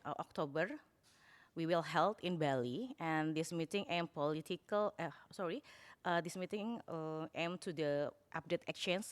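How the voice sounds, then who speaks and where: Low-voiced Indonesian woman, halting speech. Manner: halting, many filler sounds. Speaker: forum secretariat representative. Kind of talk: conference announcement.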